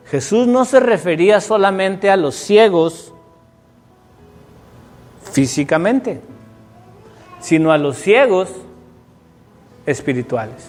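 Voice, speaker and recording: A man's voice: high-pitched, in a large hall. A man preaching a sermon, telling stories and asking the congregation questions with rising emphasis. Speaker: pastor.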